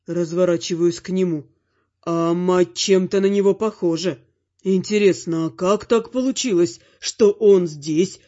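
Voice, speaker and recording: High-voiced man reading an audiobook. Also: mellow, dull audio. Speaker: audiobook narrator. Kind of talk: first-person fantasy audiobook narration.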